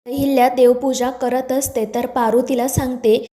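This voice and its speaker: A woman narrates a scripted episode summary in a steady, read-aloud storytelling manner. Her voice sits high yet sounds mellow and warm. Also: normal speed. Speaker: serial recap narrator.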